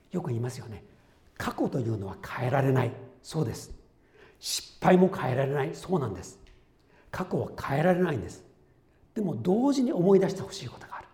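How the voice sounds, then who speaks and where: Pastor, male, mellow timbre, earnest sermon delivery with sudden loud and whispered passages. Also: medium pitch. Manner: earnest, swings between loud exclamation and soft whispered asides; quotes voices and his own notes conversationally.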